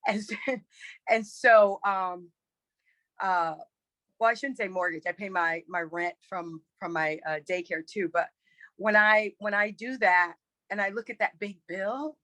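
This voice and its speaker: A woman's voice: mid-range voice, a little slow, fairly bright tone, dry recording. A woman sharing personal experience casually in a group call, in a conversational way. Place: online group meeting call.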